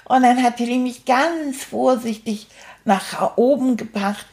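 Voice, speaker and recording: A woman's voice: a little high, measured pace, a little mellow. A woman voicing a cheerful, cheeky male stuffed toy rat, retelling events in a chatty, rambling, fond way. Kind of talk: first-person storytelling.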